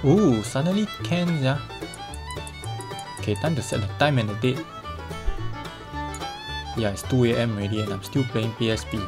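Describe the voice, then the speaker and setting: In a small indoor bedroom, a male vlogger in his twenties with a Singaporean accent talks to himself casually in Singlish, gaming-vlog style, full of exclamations and colloquial particles. His mid-range voice keeps a moderate pace with frequent pauses, and music plays in the background.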